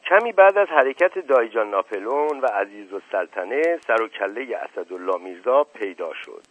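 A man narrating a novel in a measured storytelling manner, in an audiobook reading. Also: lowish voice, animated, breathy edge. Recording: narrow phone-like radio recording.

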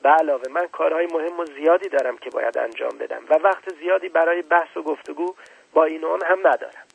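A proud old scientist who lectures in a condescending tone, as a male narrator plays him. His voice is gravelly and husky, and it sits a little high. He brushes off a child's objections with impatience. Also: fairly bright tone, full character voice, poor audio. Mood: lecturing.

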